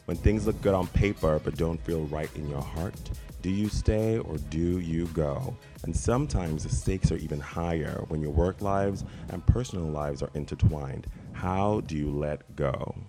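A young man from Zimbabwe, raised in South Africa, co-hosting a podcast and reading a scripted intro in a measured, announcer-like way. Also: deep voice, over music. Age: young adult. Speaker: podcast co-host.

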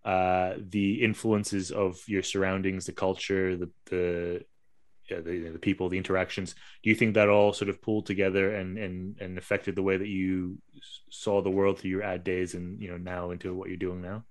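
This man's low voice comes across flat and moderately paced as he hosts a podcast. In a casual interview, he rambles through his questions, hesitating, filling gaps, and restarting often.

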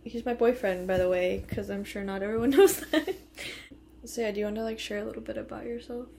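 A woman's voice: a little high, quick pace, gravelly, mellow, slight background noise. A woman in her twenties hosting a casual podcast chat, giggly and rambling. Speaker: podcast host.

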